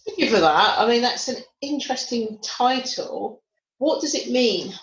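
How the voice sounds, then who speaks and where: A woman hosting a podcast interview, asking brisk, friendly questions. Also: a little high, lively intonation, a little hiss or hum. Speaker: podcast host. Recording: roomy, dull sound.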